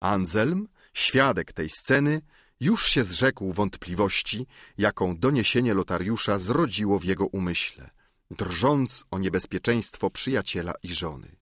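A male narrator with a low-pitched voice reads a classic novel for an audiobook in a measured, expressive storytelling style. It was recorded in a studio, with no room sound.

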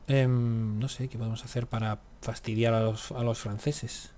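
This man's medium-pitched voice has a dark tone, steady delivery, and measured pace as he does a casual strategy game let's-play. The gaming YouTuber talks to himself and grumbles and curses at the game.

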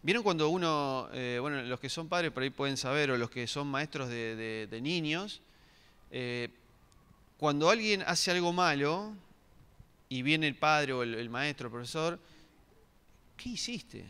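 Unhurried and forceful, a middle-aged pastor with a high-leaning, bright, clean voice gives an interactive sermon, questioning the congregation amid many restarts. The recording carries a church hall's long reverb.

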